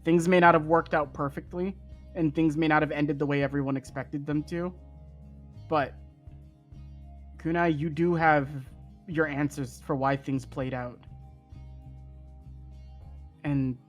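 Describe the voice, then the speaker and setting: A game master narrating an improvised tabletop role-playing scene for a stream. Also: medium pitch. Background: music.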